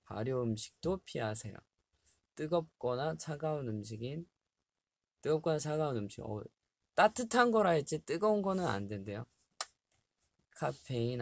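On a casual livestream with fans, a young man in his twenties reads health tips aloud in a small, bare room, laughing often. His voice is mid-range and gravelly. The desk-distance webcam recording has no echo.

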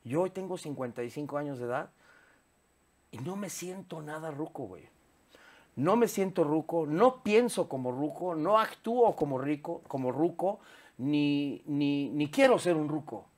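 A Mexican man in his fifties sits on a studio sofa and talks openly as an interview guest, with a lapel mic close to his voice. His voice sits a little high for a man. He speaks with animated energy and curses casually. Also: normal speed. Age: 50s. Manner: candid, animated, swears freely, gestures a lot.

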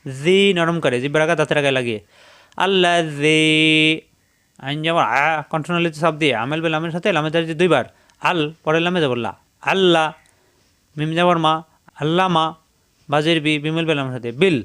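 A man teaching Quran reading, spelling each syllable slowly and then chanting the verse in a raised voice. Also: on the high side, a bit bright, clear, resonant tone. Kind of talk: spelling-out recitation lesson.

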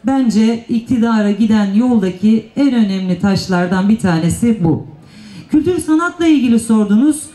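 A woman's voice: fairly high pitch, expressive, warm tone. A woman mayor giving a formal, emphatic panel speech at a podium microphone. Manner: earnest, emphatic speechmaking with drawn-out stresses. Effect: speaking at a podium microphone. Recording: echoey public address sound.

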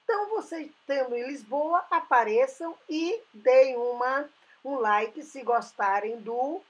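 A woman's voice: high voice, a little slow, fairly bright tone, husky. A woman narrating a voice-over for her travel channel, going through dates and history carefully, with small restarts.

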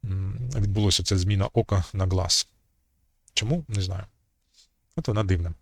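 A man's voice: deep voice, moderate pace, breathy edge, dry recording. A man giving an unscripted talk on language history as channel host, hesitating often with fillers and restarts.

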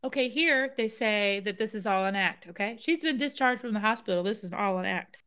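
A woman's voice: medium pitch, a little fast, background noise. A woman hosting a vlog, commenting on video clips in an emphatic, indignant way. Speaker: vlog host.

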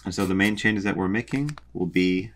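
A young man calmly explains a boat's electrical wiring while drawing a diagram, methodical, with frequent ums. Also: deep voice, moderate pace, slight background noise. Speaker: sailing vlogger explaining a boat electrical system.

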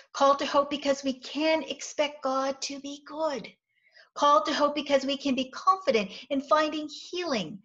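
A middle-aged woman pastor giving a measured, earnest sermon from a small office, recorded on a webcam. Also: high voice, a bit bright. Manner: measured, earnest reflective preaching. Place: small indoor office with bookshelves. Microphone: webcam, seated facing camera. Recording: dull lo-fi webcam audio.

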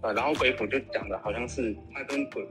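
A man chatting casually on a voice call, haltingly, often repeating his phrases. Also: medium pitch, over music. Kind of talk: casual chat.

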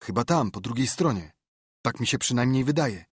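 A scared, superstitious young boy, as a male narrator voices him, talking in hushed, fearful tones. The voice is slightly husky. It sounds close and dry. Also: mid-range voice, expressive, moderate pace, no echo.

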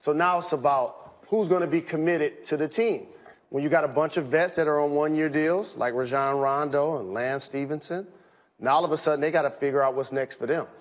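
A man giving studio sports analysis in a measured, explanatory way. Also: fairly high pitch. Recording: dull broadcast audio with music.

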